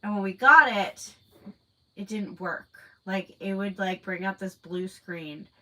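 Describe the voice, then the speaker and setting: A livestream host in her thirties, congested from a cold, answers viewer comments in an unhurried, rambling chat with plenty of fillers. Her mid-range voice comes across pushed and bright.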